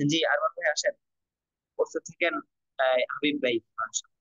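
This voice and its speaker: A man teaching a Quran reading class online, with a slightly high voice. He slowly drills letter sounds for his students with patient repetition. The audio is dull and lo-fi. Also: animated, pushed and bright, breathy edge.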